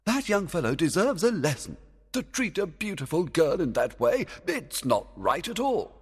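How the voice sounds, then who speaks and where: A man's voice: fairly high pitch, big pitch swings, normal speed, breathy edge, in a large hall, pitched above the performer's own voice. A man reading a storybook aloud, voicing a proud and scheming fairy king who gives stern commands and gloats. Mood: disapproving.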